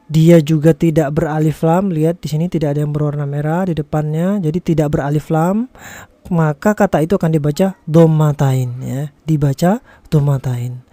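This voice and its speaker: Indonesian reading tutor, mellow timbre, dry sound; deliberate, repetitive lesson delivery with drawn-out, clearly enunciated examples. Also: mid-range voice, no room sound. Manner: frequent check-in tags after statements. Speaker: Quran reading teacher. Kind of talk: tutorial lesson addressed to viewers.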